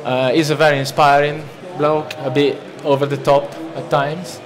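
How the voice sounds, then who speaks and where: At a lectern in a large conference hall, a man in his thirties from Italy talks at a moderate pace, his Italian-accented voice on the high side with little pitch movement. His conversational seminar talk wanders through restarts and fillers, and his lectern microphone picks up the listening crowd behind him.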